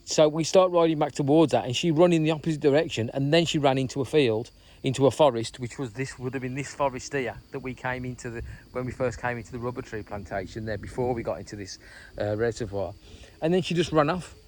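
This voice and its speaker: A man's voice: medium pitch, a little mellow. A man chatting in a rambling, casual way on a walking vlog outdoors by a reservoir. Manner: rambling, chatty, full of "you know what I mean". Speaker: vlogger.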